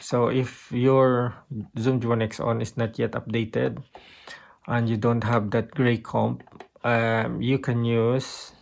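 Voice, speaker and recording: A male guitarist with a Filipino accent gives a casual, unscripted gear tutorial in a mid-pitched voice with a creaky edge. His delivery is unhurried, halting, and level in tone, as if he's thinking aloud while pointing out settings.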